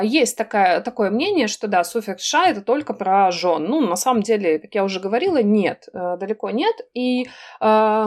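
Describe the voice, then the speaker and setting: Woman, podcast guest, mid pitch, unhurried explainer, lots of fillers and pauses. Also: a little mellow. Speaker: writer and literary editor, podcast guest. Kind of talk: conversational podcast interview.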